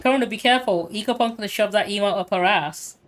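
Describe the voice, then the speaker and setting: A woman's voice: mid-range voice, fast talker, slight background noise. A woman, chatting casually with her stream audience while she plays a game and laughing often. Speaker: gaming streamer. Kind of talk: casual live-stream commentary.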